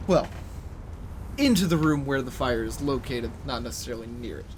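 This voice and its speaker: A man's voice: medium pitch, expressive, moderate pace. A man running a tabletop game as game master, narrating loosely and casually. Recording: noticeable background hiss.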